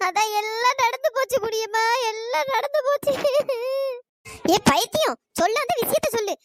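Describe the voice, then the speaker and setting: A woman's voice: very high-pitched, moderate pace, a bit bright, no echo, clean studio sound. A woman voicing a sly, meddling village woman who stirs up quarrels in a cartoon. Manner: scolding, sly and gossipy. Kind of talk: cartoon voice acting.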